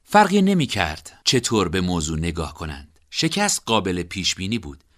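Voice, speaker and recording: A man narrating an audiobook in an expressive storytelling manner. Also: low-pitched.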